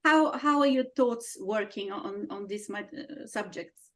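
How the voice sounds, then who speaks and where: A woman's voice: mid-range voice, unhurried. A woman hosting a podcast interview, effusive and admiring, who asks long, circling questions. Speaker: podcast host. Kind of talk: interview conversation.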